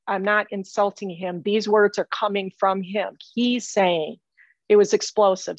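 A woman's voice: mid-range voice, no echo, dull audio. A woman giving a psychic reading over a remote call, earnest and insistent, often stopping and repeating her phrases. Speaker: psychic medium.

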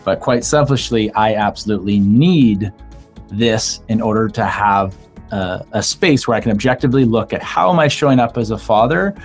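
A man's voice: on the low side, normal speed, soft background music. A man co-hosting a podcast, speaking earnestly and reflectively about fatherhood, telling a personal story. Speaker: podcast co-host. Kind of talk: earnest podcast intro talk.

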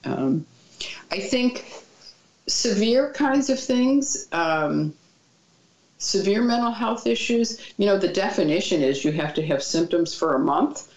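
A woman answering interview questions as a child mental health expert, giving calm, reassuring advice. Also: mid-range voice, slow. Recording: dull, echoey room sound.

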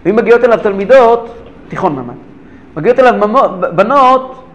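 A man teaching a religious lesson who tells stories with animated, repeated phrases for emphasis. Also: sits high, muffled recording. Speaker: rabbi teacher. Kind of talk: lesson storytelling.

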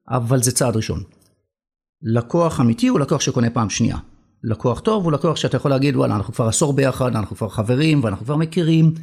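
As a guest in a conversational business interview, a middle-aged country manager with an Israeli accent stresses his points emphatically and repeats phrases for weight. His mid-range voice is a little mellow with a breathy edge.

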